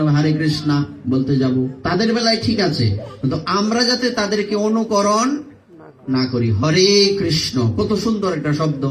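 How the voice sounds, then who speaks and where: A man with a Bangladeshi Bengali accent delivers a devotional sermon to a live crowd, his voice sitting a little high. He repeats words to drill their pronunciation and breaks into chanting. He sounds set back from the microphone. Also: recorded from a distance. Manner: teaches by repetition, drilling pronunciation and chanting aloud. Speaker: preacher.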